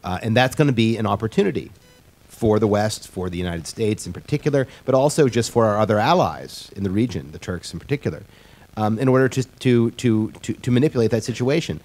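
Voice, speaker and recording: Answering a panel question, this low-voiced man sounds animated, his tone on the dark side. He explains as he goes, breaking off and restarting sentences again and again while working his points out.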